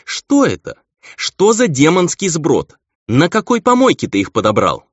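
A man's voice: lowish voice, very animated, moderate pace, vocal fry, dry recording, exaggerated voice. A man reading an audiobook, voicing a haughty female battle angel who talks with scorn and command. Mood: scornful. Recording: dull lo-fi audio.

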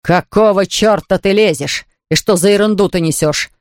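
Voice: medium pitch, moderate pace, clear, resonant tone, dry recording, lightly acted. A narrator voicing a hostile, defensive husband, reading in a dry, close studio recording. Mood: furious. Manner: shouting, then pleading.

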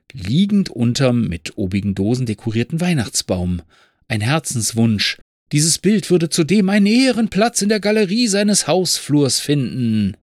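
Male podcast host, gravelly and lively, wry and rambling; dry close mic. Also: on the low side, no room sound. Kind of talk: monologue and poem reading.

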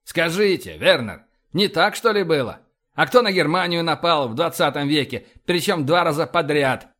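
A man's voice: a little high, expressive, moderate pace, a bit bright. A man doing a sullen, scornful astronaut. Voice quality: grumbling, scornful. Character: gruff sullen male astronaut skeptic.

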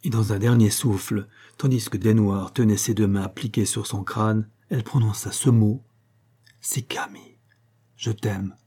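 A man reading a classic adventure novel aloud, with measured, dramatic storytelling. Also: lowish voice, fairly even intonation, dark tone, husky. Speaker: audiobook reader. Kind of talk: literary audiobook narration.

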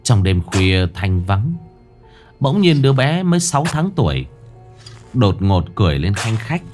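A man narrating a ghost story in a dramatic, expressive manner. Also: fairly low pitch, measured pace, faint music behind.

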